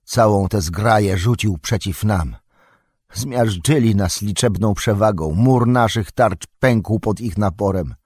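A man reading aloud, voicing a weary warrior reporting a defeat, in a husky voice. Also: fairly low pitch, takes it slowly, darkish tone, dry recording, clean studio sound. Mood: grim. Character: weary battle-worn male warrior.

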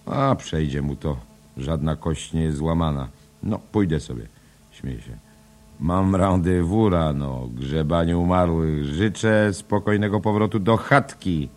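A man's voice: deep voice, a little slow, darkish tone, pitched above the performer's own voice. A man voicing a jovial policeman in an audiobook, speaking in a hearty, raised voice. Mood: amused.

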